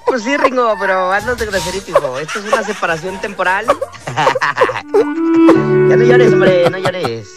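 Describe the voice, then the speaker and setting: A man's voice: high-pitched, lively intonation, moderate pace, long pauses, loud music behind the voice. A man in his twenties with a Mexican accent, reporting live for the radio from the street, teasing his co-host and laughing often. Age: 20s.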